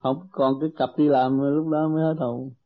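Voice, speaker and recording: A man's voice: mid-range voice, level tone, normal speed. Man teaching in maxims on a tinny tape. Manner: gentle, teasing, speaks in short maxims. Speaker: meditation teacher. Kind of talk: spiritual counseling.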